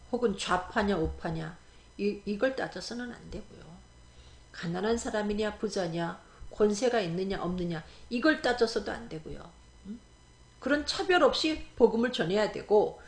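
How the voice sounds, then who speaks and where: A middle-aged woman preaching a sermon in an emphatic way, often asking the congregation questions as she speaks. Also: medium pitch. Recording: echoey room.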